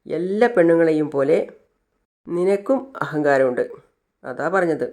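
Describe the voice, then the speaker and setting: A man's voice: on the high side, measured pace. A narrator retelling a TV serial scene, voicing Siddhu, an easygoing young man who teases and chuckles. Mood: teasing. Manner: relaxed, teasing, chuckling.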